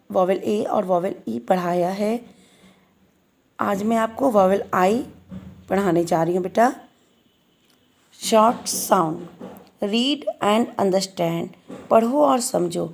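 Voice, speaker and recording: Indian woman teacher with slightly gravelly voice. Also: mid-range voice, darkish tone. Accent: Indian English. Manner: spells words letter by letter, calls children "beta". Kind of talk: classroom phonics lesson.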